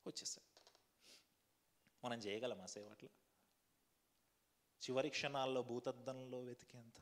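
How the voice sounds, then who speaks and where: A man's voice: mid-range voice, fairly even intonation, a little slow, long reverb tail. A man pastor preaching a sermon, asking the congregation questions and leading a fervent prayer. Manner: repetitive fervent prayer cadence. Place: church hall.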